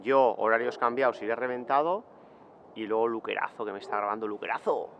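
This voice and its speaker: A man's voice: mid-range voice, a little fast, muffled recording, a little hiss or hum. Male, thirties, breezy joking cyclist vlogging outdoors on camera. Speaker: mountain bike racer. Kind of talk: casual vlog chat. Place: outdoors on a hillside.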